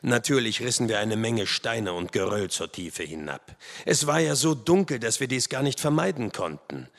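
A man reading a first-person adventure story aloud in a dramatic, expressive way. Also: mid-range voice, normal speed, gravelly. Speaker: audiobook narrator. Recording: long hall reverb.

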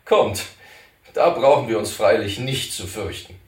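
A man voicing a calm, confident frontier scout who speaks in a steady, reassuring way, in a storybook reading. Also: lowish voice, unhurried, lightly acted. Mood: assured. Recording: roomy, distant mic.

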